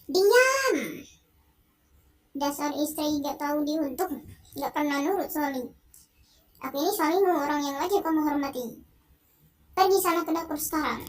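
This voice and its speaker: A young gamer reading out the lines of an angry husband in a video game, yelling harsh orders at his wife. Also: high-pitched, fairly even intonation, normal speed, pauses often, lightly acted. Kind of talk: game dialogue read aloud.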